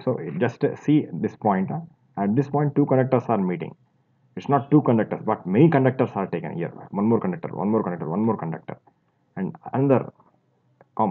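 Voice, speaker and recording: A man teaching a physics lesson, explaining step by step as he draws, with fillers and restarts. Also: on the low side. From India. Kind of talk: classroom lecture while drawing. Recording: tinny phone-like audio.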